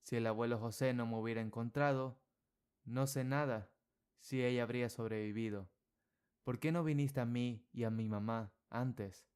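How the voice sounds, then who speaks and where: Narrator voicing a bitter nine-year-old boy, quiet and reproachful, storybook. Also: mid-range voice, steady tone, normal speed, clean tone, close to an everyday voice.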